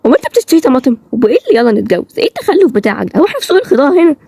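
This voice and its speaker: Woman voicing a feisty Egyptian girl, mocking and quick, dry close mic. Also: high voice, very animated, creaky, dark tone, dry recording, full character voice. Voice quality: sarcastic, snappy. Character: feisty sharp-tongued young woman, quick to mock. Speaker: voice actor of a fan toy-game drama. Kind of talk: fan drama dialogue.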